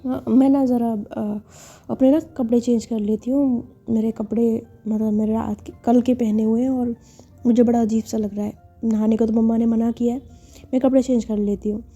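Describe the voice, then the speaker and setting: A woman's voice: on the high side, steady tone, normal speed, warm tone. A woman voicing a cool, evasive young woman who brushes off questions in an offhand way. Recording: slightly dull recording, faint music.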